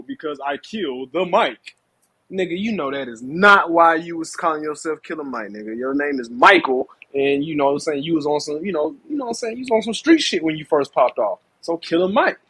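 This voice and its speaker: A man's voice: fairly high pitch, fairly bright tone, husky. A man hosting a casual podcast chat over a video call, blunt, profane and heated. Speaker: podcast host.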